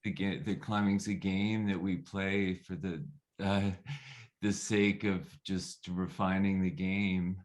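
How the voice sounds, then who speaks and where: A man in a casual conversation, speaking in a reflective, unhurried way. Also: sits low, flat delivery.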